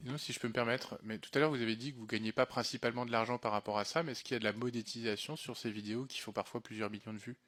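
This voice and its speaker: A man's voice: mid-range voice, steady tone, very fast, hardly any pauses, fairly bright tone. A man chairing a hearing, breaking in with direct, pressing follow-up questions. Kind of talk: formal questioning.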